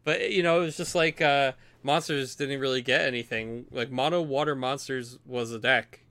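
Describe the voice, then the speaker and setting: A man co-hosting a casual card game podcast, chatty and enthusiastic, quick to laugh. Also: medium pitch, steady tone, fairly bright tone. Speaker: podcast co-host.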